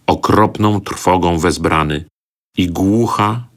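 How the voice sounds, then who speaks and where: A man narrating a folk tale for an audiobook in a measured, solemn storytelling manner. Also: low voice.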